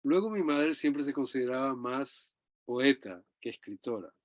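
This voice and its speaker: A man's voice: mid-range voice, lively intonation, measured pace, dry recording. An older man from Chile, a guest reminiscing about his parents in a rambling storytelling way, often ending phrases with a tag question. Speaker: interview guest. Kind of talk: reminiscing conversation. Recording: dull, dry close recording.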